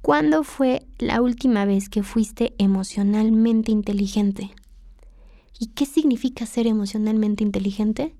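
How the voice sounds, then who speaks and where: A woman's voice: a little high, measured pace, warm tone, dry recording, studio quality. A woman with a Mexican accent hosting a podcast, talking candidly and confessionally straight to the listener in a reflective monologue. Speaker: podcast host.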